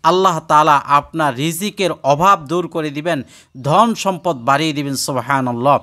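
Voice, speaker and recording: A man from Bangladesh, teaching the careful recitation of prayers, drawing out each vowel slowly. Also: a little high, sharp tone. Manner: slow, careful, drawn-out recitation. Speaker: religious teacher. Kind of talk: teaching dua pronunciation.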